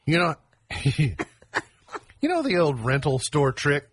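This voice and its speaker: Male radio co-host, husky, casual banter. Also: a little high, big pitch swings, slow pace, no room sound. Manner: reads almanac items, then riffs. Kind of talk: casual morning radio chat.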